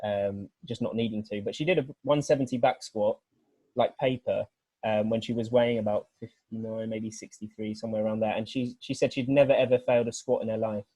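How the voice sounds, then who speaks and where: A British weightlifting coach talking through training ideas on a group video call, earnest and rambling, with many restarts. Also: male voice, lowish voice, steady tone, a little fast, mellow, husky, no echo. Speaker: weightlifting coach, guest speaker.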